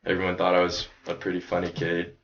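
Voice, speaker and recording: In dull, lo-fi audio from an echoey room, an American podcast guest from Chicago chats casually about things as an independent filmmaker. He speaks in a monotone with a low, somewhat bright voice, and his talk is loose and halting, packed with "like."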